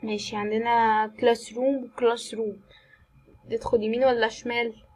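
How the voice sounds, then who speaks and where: Jumpy Egyptian woman, husky voice. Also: a little high, level tone, a little fast, rough recording. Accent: Egyptian Arabic. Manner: jumpy, chatty, reacts aloud to scares; mixes in English words. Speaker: gaming channel host. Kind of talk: horror game commentary.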